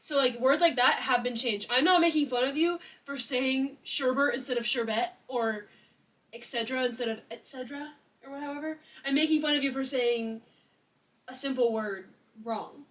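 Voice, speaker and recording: A young woman with a high voice teases and argues in a casual vlog debate, building her case step by step. She sounds a little distant from the mic. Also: moderate pace, a bit bright. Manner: teasing, argumentative, builds points stepwise. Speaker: co-host. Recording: voice a bit far from the mic.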